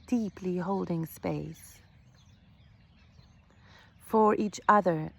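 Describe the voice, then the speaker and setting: A woman healer giving an earnest, reflective spiritual talk, repeating phrases and pausing softly. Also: mid-range voice, vocal fry, no echo. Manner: slow, earnest, with soft pauses and repetitions.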